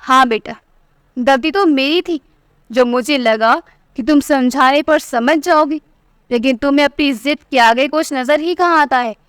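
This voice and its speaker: A woman voicing a stern, disappointed father who speaks in a measured, reproachful way. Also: sits high, fairly bright tone, dry recording, clean studio sound.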